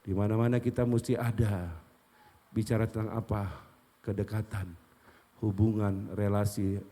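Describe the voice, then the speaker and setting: A man's voice: on the low side, little pitch movement, moderate pace, warm tone. A male pastor preaching a sermon, emphatic, often asking and answering his own questions. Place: church sanctuary. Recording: long church hall reverb.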